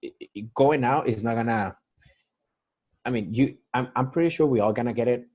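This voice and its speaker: A man's voice: mid-range voice, fairly quick, darkish tone. A young man from Mexico with a Mexican Spanish accent, working as a nurse and talking casually on a phone call in a rambling way, full of restarts. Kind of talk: casual interview over a call. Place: San Diego.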